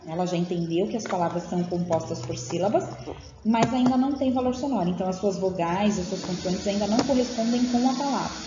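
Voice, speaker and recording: A woman's voice: on the low side, warm tone. Woman giving an echoey training lecture. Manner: explains patiently, with frequent check-in tags. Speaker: teacher trainer. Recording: dull, echoey room audio with faint noise.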